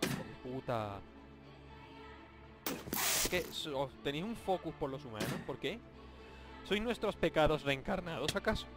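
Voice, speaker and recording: A young man with a Spanish accent talks through a Minecraft session in a slightly high voice, joking along and breaking into sudden yelps and shouts. Game music plays clearly behind him the whole time. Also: normal speed, long pauses. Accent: Spanish (Spain). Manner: jokey, excitable, yelps and shouts at surprises. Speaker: gaming YouTuber. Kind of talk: Minecraft let's play commentary.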